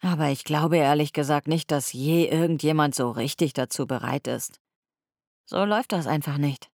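A woman reading an audiobook, voicing a calm, gently teasing young man who talks slowly and easily. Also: deep voice, dry recording, clean studio sound. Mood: gentle.

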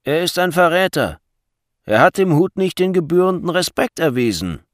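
Man doing a bossy guard soldier, raised voice, pushed up high, dry. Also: very animated, normal speed, no echo. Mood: harsh. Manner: loud, commanding barks. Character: gruff, bullying male soldier guard.

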